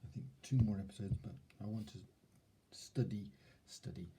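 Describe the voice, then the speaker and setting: A man giving casual self-help advice, moving between soft murmurs and lively emphasis. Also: lowish voice, quick pace, husky, low-quality recording. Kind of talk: casual instructional talk.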